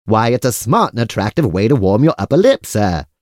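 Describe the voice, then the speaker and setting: A man's voice: fairly low pitch, big pitch swings, brisk, darkish tone, no echo, studio quality. A man playing an obliging, formal restaurant waiter with polite, eager service patter in a comic audio drama.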